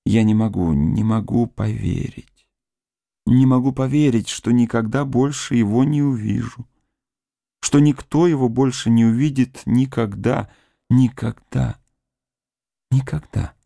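A man's voice: medium pitch, a little slow, vocal fry, dark tone, dry recording, clean studio sound, voice pushed up. A man reading the part of a grieving young woman who mourns her dead fiancé, pleading and tearful. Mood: mournful. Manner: pleading, tearful, rising to cries. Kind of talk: audiobook character reading.

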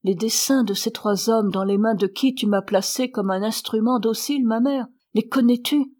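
A woman's voice: mid-range voice, normal speed, darkish tone, natural voice. Brief: fervent young noble daughter, earnest and pleading, read by a woman, audiobook.

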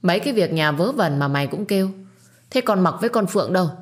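A woman's voice: on the low side, lively intonation, fast talker, natural voice. A woman doing a harsh scolding old grandmother. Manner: sharp, bossy scolding.

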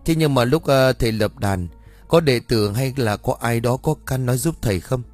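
A man's voice: medium pitch, normal speed, a little mellow, faint music behind, natural voice. A man voicing an anxious, deferential mother who pleads hesitantly with a shaman. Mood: pleading.

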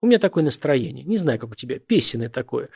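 A man's voice: mid-range voice, very animated, fast talker, gravelly, husky, heavily acted. A man voicing a boastful, self-assured young man in a read-aloud story, close to his own voice.

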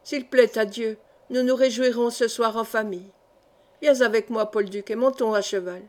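A woman's voice: fairly high pitch, steady tone, normal speed, a little mellow, lightly acted. A woman reading an old count, proud and emphatic. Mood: exalted. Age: older. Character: old exalted feverish male count. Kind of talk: audiobook character reading.

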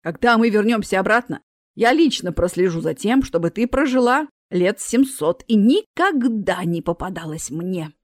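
Woman voicing a grumpy female Death, grumbling, threatening, lively pitch, dry sound. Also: normal speed, no echo. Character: grumpy, menacing female Death, weary boss.

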